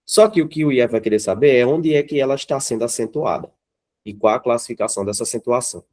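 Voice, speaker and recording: A man's voice: mid-range voice, quick pace, darkish tone. Brazilian male teacher, mid-range voice, runs a live class and keeps asking the students questions. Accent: Brazilian Portuguese. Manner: checks in with the class often, asks the students questions. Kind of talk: classroom grammar lesson.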